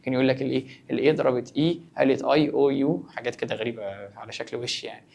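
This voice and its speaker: Fast-talking Egyptian teacher. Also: male voice, medium pitch, fairly even intonation, vocal fry, darkish tone. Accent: Egyptian Arabic. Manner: asks and answers his own questions, playfully teasing the student. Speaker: English teacher. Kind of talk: online grammar lesson.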